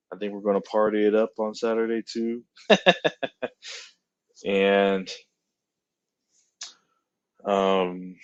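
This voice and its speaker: A man giving a relaxed, upbeat check-in update as a community coordinator, talking casually with fillers over a video call. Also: lowish voice, no echo, lo-fi sound.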